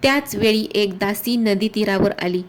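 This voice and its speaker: A woman narrating a devotional folk tale in a quiet, measured recitation. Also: mid-range voice.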